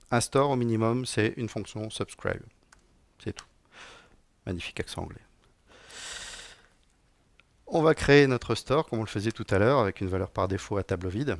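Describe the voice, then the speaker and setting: A man with a low, gravelly voice presents a coding talk to a live audience, loose and joking with frequent fillers. His voice is recorded close and dry, with almost no room echo. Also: moderate pace, long pauses. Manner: casual and joking, many fillers. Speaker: conference speaker, technical director.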